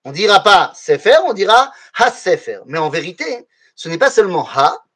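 A man's voice: sits high, moderate pace. A man teaching a lesson to his students, explaining things step by step and often throwing questions back at the class. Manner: animated, asks the class rhetorical questions.

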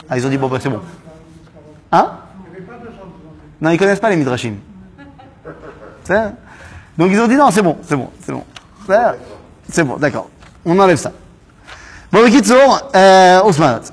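Animated man teaching a Torah class. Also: on the high side, slightly rough. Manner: animated, quick rhetorical questions, mixes in Hebrew terms. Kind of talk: lively Bible study lesson.

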